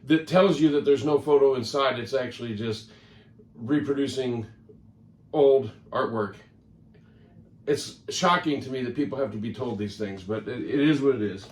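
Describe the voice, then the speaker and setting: Talking casually to camera, a man rambles chattily about his record collection and keeps correcting himself. His voice is medium-pitched at a normal speed, and the mic sits at a distance, giving a roomy sound.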